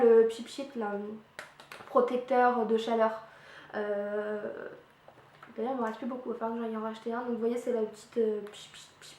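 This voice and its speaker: A young woman chatting casually through a beauty product review, with lots of fillers and little playful sound effects, recorded on a camera mic at home. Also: on the high side. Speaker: beauty vlogger. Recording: echoey room with faint hiss.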